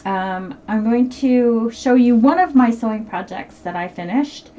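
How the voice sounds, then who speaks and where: A woman's voice: on the high side, unhurried, warm tone, far from the mic. An older woman chatting casually as she shows off her finished crafts, rambling a little and laughing often. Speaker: crafting vlogger. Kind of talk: casual show-and-tell chat.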